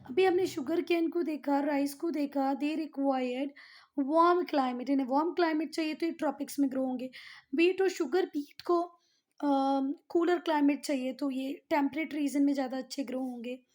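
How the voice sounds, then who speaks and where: A woman's voice: high voice, steady tone, moderate pace, darkish tone. A woman teaching a school class, patiently explaining and repeating key terms, mixing English textbook phrases into her Hindi and often calling on the students.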